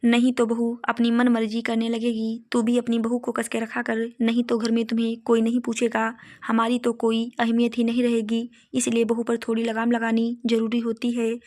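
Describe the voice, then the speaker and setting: A strict, controlling mother-in-law from a storybook tale, put on by a woman narrator. She talks in a scolding, bossy way, in a fairly high voice with little rise and fall. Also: monotone, moderate pace, few pauses, a little mellow, lightly acted.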